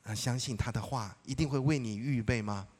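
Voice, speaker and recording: A middle-aged male pastor preaching a sermon, telling personal stories in a lively way, acting out dialogue and often laughing. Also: medium pitch, fairly quick.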